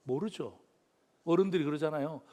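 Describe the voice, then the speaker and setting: A man's voice: fairly high pitch, moderate pace, a little mellow. A male pastor giving a sermon, telling a story with animation and putting questions to the congregation.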